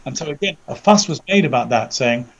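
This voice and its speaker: Over a dull, lo-fi internet call, an English-accented man gives news commentary in a conversational way. He is measured and articulate, sometimes doubling back on words. His pitch sits in a middle male range. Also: lively intonation. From Britain. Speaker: commentator, co-presenter. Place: indoors under a roof, remote audio call.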